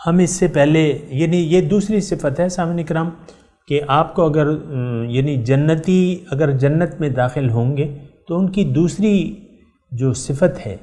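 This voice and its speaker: A middle-aged Quran teacher gives a lesson in sermon form, addressing his listeners directly, repeating key words for emphasis and reciting verses slowly. His voice is on the high side and warm.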